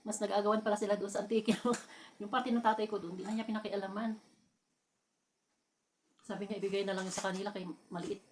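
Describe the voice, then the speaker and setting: Fast-talking woman telling stories, laughing. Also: medium pitch, slight background noise. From Philippines. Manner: laughs often, animated when telling anecdotes. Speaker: vlogger. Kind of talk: casual storytelling while eating.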